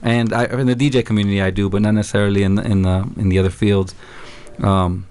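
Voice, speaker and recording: A man's voice: fairly low pitch, level tone, a little mellow, clear, resonant tone. A middle-aged man, a longtime DJ, talking earnestly in a casual radio studio interview. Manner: thoughtful, earnest, slightly halting. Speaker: DJ guest.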